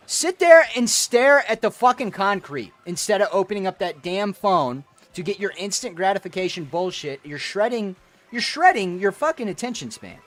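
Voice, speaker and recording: A gaming streamer with a high-pitched, slightly bright voice chats with his viewers while playing. His talk is casual and rambling, veering into profane rants.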